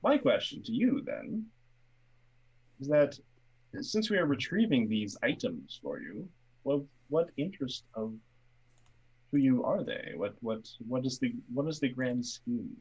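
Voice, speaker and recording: Man as a husky, blunt vampire mercenary. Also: mid-range voice, sing-song, measured pace, darkish tone, highs cut off, full character voice. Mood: blunt, probing. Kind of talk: tabletop role-play acting.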